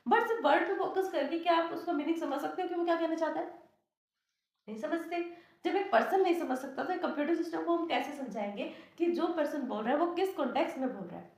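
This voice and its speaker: A woman with an Indian English accent lectures like a classroom teacher, walking through each point and answering her own questions. Her voice sits high. The sound carries the echo of a bare room. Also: fast talker, darkish tone. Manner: explains step by step, asks and answers own questions.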